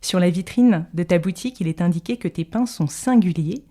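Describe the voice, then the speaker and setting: A woman hosting a podcast, with a lowish, mellow voice. She narrates an intro and asks her interview questions in a measured way, sometimes hesitating with soft fillers. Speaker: podcast host.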